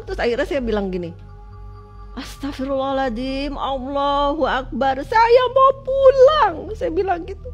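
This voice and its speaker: A woman from West Java, a guest telling her own experience in an emotional storytelling way. She swings between loud cries and hushed, lowered passages.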